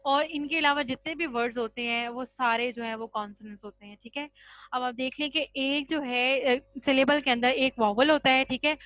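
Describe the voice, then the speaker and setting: High-voiced woman teaching grammar patiently. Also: steady tone, normal speed, no room sound, muffled recording. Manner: patient, repeats points and checks with "ठीक है?"; addresses students as children. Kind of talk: classroom-style lesson in Hindi with English terms.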